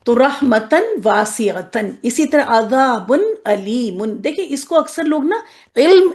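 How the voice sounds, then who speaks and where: A woman teaching Quranic Arabic to women students, often checking if they follow and slowing down to drill each word. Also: high voice, a little mellow. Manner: checks in often with "okay?", drills words slowly. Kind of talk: explanatory lesson to women students.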